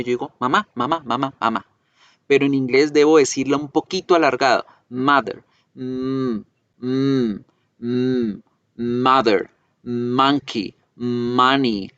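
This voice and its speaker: A man's voice: on the high side, a bit bright, dry recording. A male English teacher giving a virtual pronunciation lesson, patiently drilling sounds by repetition. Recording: dull lo-fi dry recording.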